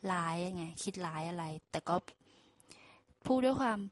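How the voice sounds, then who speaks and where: A woman's voice: on the low side, lively intonation, unhurried, no echo. A woman casually retelling a fable to listeners, chatty, with asides and self-corrections. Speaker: storyteller.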